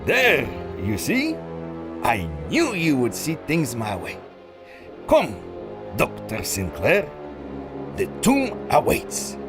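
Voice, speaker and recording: A scheming villain doctor, voiced by a man, purrs his threats in an unhurried, silky way, letting each line drag. His voice sits high and swings widely between menace and mock courtesy, the way old radio serial villains did. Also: wildly swooping pitch, over music, full character voice. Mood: menacing. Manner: silky, menacing, drawn-out delivery. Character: scheming foreign male villain doctor, smooth and manipulative. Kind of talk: old-time radio drama acting.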